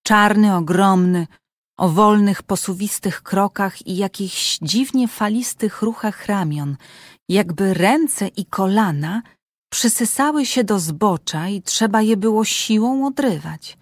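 Slow, measured woman narrating. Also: medium pitch, dry recording. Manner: measured, suspenseful reading. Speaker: audiobook narrator. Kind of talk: dramatic audiobook narration.

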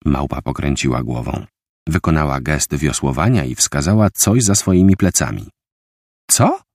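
A man narrating an audiobook with a vivid, expressive reading. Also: very deep voice, normal speed, no room sound, studio quality.

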